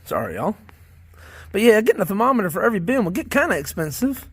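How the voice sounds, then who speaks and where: Rambling Southern man, lively high voice. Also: fast, breathy edge, no echo. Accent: Southern American. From Southern United States. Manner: rambling, folksy, talks to viewers as y'all; repeats phrases, restarts often. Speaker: worm farmer vlogger. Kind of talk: casual vlog chat to viewers.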